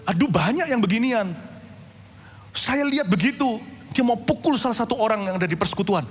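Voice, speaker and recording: A male pastor preaching a sermon, telling stories in a lively, animated way and acting out voices. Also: high voice, fairly quick, breathy edge. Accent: Indonesian. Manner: animated storytelling preacher, acts out voices and shouts. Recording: long hall reverb with faint music.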